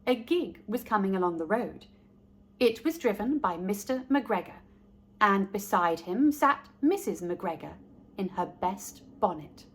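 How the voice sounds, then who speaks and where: A woman hosts a read-aloud of a children's story, talking straight to the young audience at a careful, deliberate pace. Her voice sits in the mid range, and her intonation is lively.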